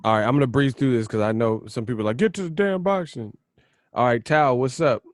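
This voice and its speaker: A man's voice: mid-range voice, a little fast, no echo, clean studio sound. A man hosting a casual group video call, teasing and joking with guests in slang. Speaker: host.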